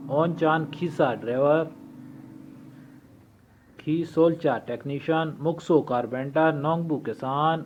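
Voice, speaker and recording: A man teaching a language lesson from a textbook, reading vocabulary slowly and repeating each word for practice. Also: on the high side. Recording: tinny phone-like recording.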